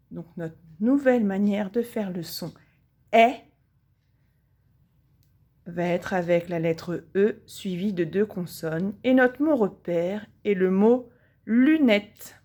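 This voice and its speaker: French woman teaching phonics to small children, unhurried, stretches every sound. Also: medium pitch, mellow. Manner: slow, deliberate, drawing out each sound. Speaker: primary school teacher. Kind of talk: slow phonics lesson for young children.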